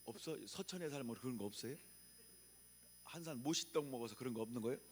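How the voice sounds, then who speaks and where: A man's voice: medium pitch, quick pace, slight background noise. A male pastor from preaching a revival sermon, calling on the congregation to repeat after him and answer back. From Chungcheong, Korea.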